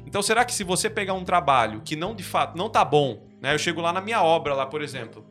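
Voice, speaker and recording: Brazilian guy hosting a podcast, kinda high bright voice, lots of "né?", faint music behind. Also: expressive, fast. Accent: Brazilian Portuguese. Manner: explains with examples, many restarts and "né?" tags. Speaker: podcast host. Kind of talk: casual podcast discussion.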